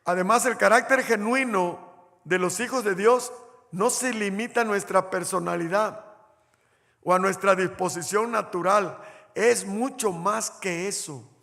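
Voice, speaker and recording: A man's voice: high voice, a little slow, gravelly, pushed and bright. A man preaching a sermon as pastor, telling a personal story and speaking straight to the congregation. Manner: storytelling, addresses the congregation directly. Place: church hall. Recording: church hall reverb.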